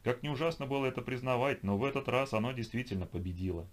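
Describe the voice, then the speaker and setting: A man narrating an audiobook in a measured, even manner. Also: medium pitch. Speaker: audiobook reader. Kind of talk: scripted narration.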